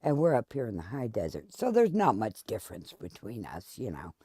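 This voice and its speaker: A woman's voice: a bass voice, huge pitch swings, a little fast, mellow, slightly rough, no room sound, clean studio sound. A woman hosting a gaming video, chatting casually and candidly in a rambling, storytelling way while she plays. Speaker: gaming channel host. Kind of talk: casual chat while playing a game.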